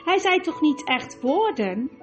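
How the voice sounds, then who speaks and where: A woman doing a shrill, cheeky jackdaw. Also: big pitch swings, unhurried. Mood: gleeful. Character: cheeky gleeful male jackdaw. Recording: lo-fi with music behind.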